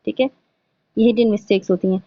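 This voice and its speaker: A woman's voice: medium pitch, steady tone, mellow, dull audio. A woman teaching Quran recitation in a patient, step-by-step way, mixing in English words. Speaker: tajweed teacher. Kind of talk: online Quran recitation lesson.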